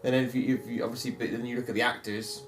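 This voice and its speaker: A man in a casual podcast chat, thinking aloud in halting, searching sentences. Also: medium pitch, level tone, slight background noise. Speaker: podcast co-host. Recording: roomy echo.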